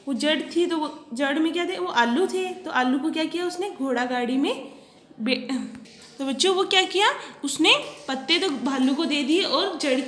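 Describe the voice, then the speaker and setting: High-voiced teacher quizzing small children. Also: female voice, fairly bright tone, roomy sound. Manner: repeats and quizzes the class with questions. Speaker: primary school teacher. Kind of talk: online storytelling lesson for young children.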